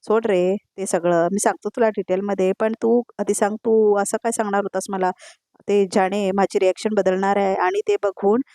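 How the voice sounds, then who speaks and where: A woman's voice: medium pitch, steady tone, brisk, mellow, no echo, studio quality, natural voice. A woman voicing a tense husband who answers in a hesitant, placating way. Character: tense husband hiding a secret.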